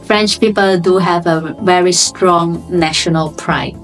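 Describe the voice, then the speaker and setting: A woman's voice: fairly low pitch, fairly even intonation, a little slow, music in the background. Chatty Malaysian woman vlogging. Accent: Malaysian English. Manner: chatty and informal, with loose non-native grammar. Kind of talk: casual chat to camera.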